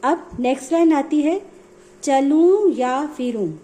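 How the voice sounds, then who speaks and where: A woman's voice: high voice, animated, takes it slowly, mellow. A woman music teacher explaining notes step by step in a patient, repetitive way. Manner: patient, explanatory, repeats points.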